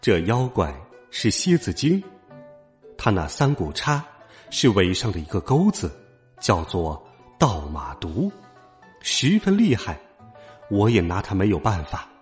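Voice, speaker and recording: A man voicing a calm, wise female bodhisattva in a children's story. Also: fairly low pitch, soft background music, voice pushed down. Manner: soft, slow and measured.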